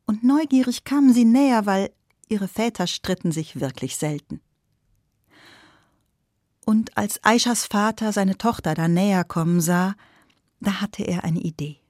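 A woman storyteller telling a folktale to listeners, with expressive delivery that speaks to them directly. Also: mid-range voice, unhurried, pauses often, dry recording, studio quality.

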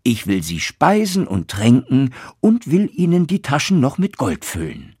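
A man's voice: lowish voice, wildly swooping pitch, unhurried, slightly rough, no room sound, clean studio sound, voice pushed up, exaggerated voice. A man voicing a proud, stern young craftsman in a fairy tale, declaiming boldly. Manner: bold, boastful declaiming.

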